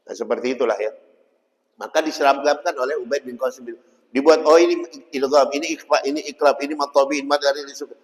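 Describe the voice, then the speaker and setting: A man's voice: mid-range voice, fairly even intonation, fast talker. A male preacher giving a casual, jokey dawn-study sermon in a mosque, chatting with the congregation. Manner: jokey, chatty, keeps tagging "Pak" and "ya". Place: mosque hall. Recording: long mosque-hall reverb.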